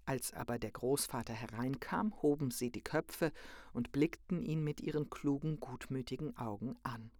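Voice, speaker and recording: A storyteller reading a children's tale aloud in a lively, expressive manner. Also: medium pitch, normal speed, no room sound, studio quality.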